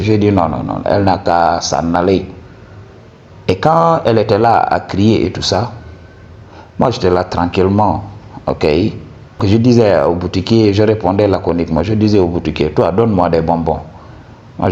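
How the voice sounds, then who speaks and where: A man's voice: deep voice, darkish tone, lo-fi sound. A man hosting his channel, telling a story in a casual monologue, acting out both sides of an argument and dropping in English phrases. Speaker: channel host.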